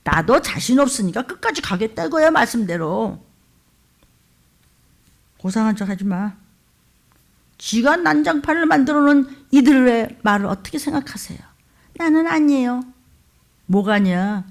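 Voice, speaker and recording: A woman pastor preaching a fiery sermon, scolding her listeners with sharp rhetorical questions. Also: a little high, expressive, normal speed, long pauses.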